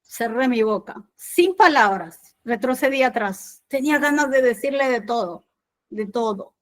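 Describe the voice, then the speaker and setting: A woman's voice: on the high side, lively intonation, unhurried. An Argentine woman preaching a sermon, telling a personal story and acting out the dialogue with animation. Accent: Argentine Spanish.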